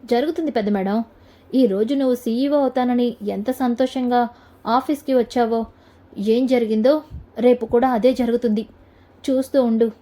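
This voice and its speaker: A woman's voice: a little high, steady tone, normal speed, long pauses, dark tone, close to an everyday voice. Woman reading a confident, teasing young man. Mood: taunting.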